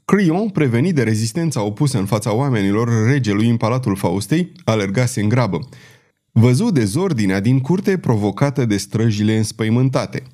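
A man narrating an adventure audiobook with great animation, his pitch swinging widely as the action builds. His tone is mellow and dark. He reads dramatically, pushing his voice upward whenever characters shout. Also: expressive.

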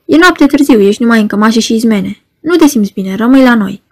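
A woman voicing a calm male doctor who asks gentle, measured questions in a storybook reading. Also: extremely high pitch, no echo, heavily acted. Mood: coaxing.

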